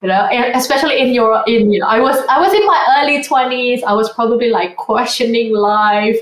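A woman's voice: fairly high pitch, a little fast, roomy sound, rough recording. A woman, talking as a podcast guest in an earnest, reflective way. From Indonesia. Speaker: guest, vintage blogger. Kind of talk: conversational interview.

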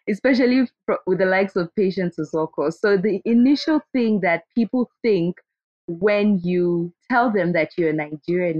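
Low-voiced woman from Zimbabwe, muffled. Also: darkish tone, no room sound. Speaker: interview guest. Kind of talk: conversational interview.

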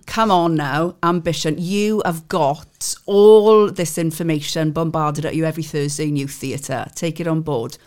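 A woman's voice: sits low, steady tone, unhurried, hardly any pauses, darkish tone. A woman, a youth theatre tutor chatting with and coaxing young members in a casual interview.

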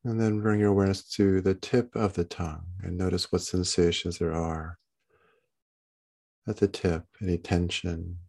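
Deep, creaky, calm meditative man. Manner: gentle, unhurried instruction with short phrases. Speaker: meditation teacher. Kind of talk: guided body-scan meditation.

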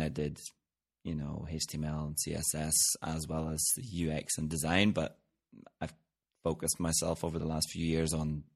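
A man hosting a casual podcast chat, relaxed and quick to laugh. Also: extremely low pitch, creaky. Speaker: podcast host. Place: home in Belgium.

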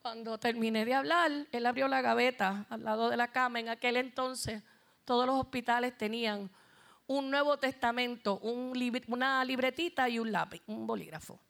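A woman's voice: fairly high pitch, vocal fry, a bit bright. A middle-aged woman with a Puerto Rican accent, giving a heartfelt church testimony as a worship singer and speaking directly to the congregation.

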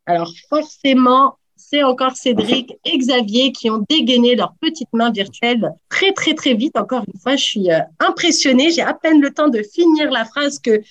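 A woman's voice: high voice, normal speed, few pauses, highs cut off. A woman hosting a radio sports quiz over a video call, teasing the players. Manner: playful, teasing. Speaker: quiz host.

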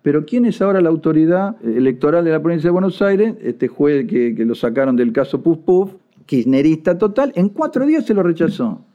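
An older Argentine man with a rather high, sing-song voice talks a little fast, delivering indignant, sarcastic political commentary. He mocks people by putting on voices, and the lo-fi recording sounds dull.

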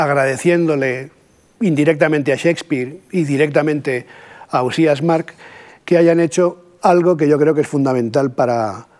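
A middle-aged Catalan man with a Catalan Spanish accent delivers a measured, reflective lecture on poetry, pausing often and adding rhetorical asides. His voice is fairly high with a darkish tone.

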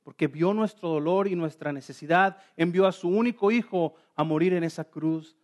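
Preacher with a high voice. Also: male voice, normal speed, darkish tone. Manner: storytelling, asks the congregation questions. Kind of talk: sermon in Spanish with live interpretation.

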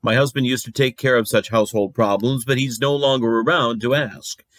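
An actor playing a cranky, darkly comic radio host presenting a late-night show in a deadpan, muttering manner. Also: male voice, medium pitch, a little fast, no echo, natural voice. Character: marooned eccentric male radio agony uncle, cranky, darkly comic.

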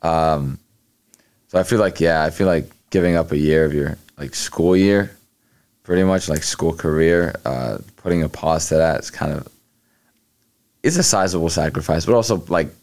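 Answering interview questions as a guest, this young college athlete speaks casually in a dark bass voice. He halts often, leaning on fillers and repeatedly restarting.

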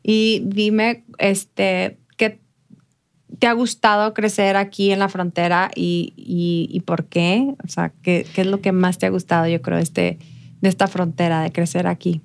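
A woman's voice: on the low side, level tone, measured pace. A woman hosting an interview, often echoing and affirming what her guest says before asking the next question. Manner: warm, affirming, rephrases and encourages the guest. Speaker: interview host. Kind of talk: casual conversational interview.

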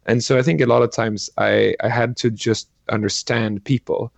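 Interviewed as a guest, a Swedish entrepreneur and angel investor pauses and uses lots of fillers while answering with care. His medium-pitched voice is steady and gravelly at a normal speed, with no echo.

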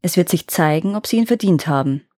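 A woman voicing a stern, solemn male forest spirit in a storybook fairy tale, speaking slowly and with emphasis. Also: on the high side, animated, darkish tone, no room sound, clean studio sound, close to an everyday voice.

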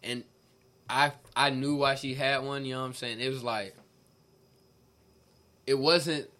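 A man's voice: mid-range voice, fairly even intonation, measured pace, sharp tone. A man chatting casually with friends as a co-host, drunk, his talk slangy, profane and peppered with "bro". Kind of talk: casual group chat.

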